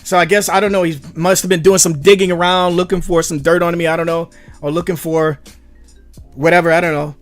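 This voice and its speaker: Man, livestream host, exasperated, rambling commentary, fairly high voice. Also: little pitch movement, a little fast, faint music behind. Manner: exasperated, rambling, with restarts and laughs. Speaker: channel host.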